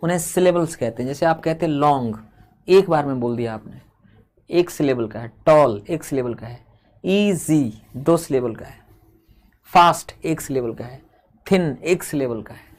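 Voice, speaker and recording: A man teaching a grammar lesson, explaining step by step and drawing out each example word. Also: mid-range voice. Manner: explains step by step, slows and drags out example words.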